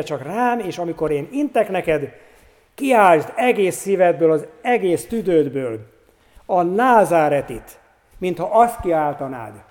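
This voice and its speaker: A man reading a gentle solemn master. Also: high-pitched, long reverb tail. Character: gentle male master speaking softly.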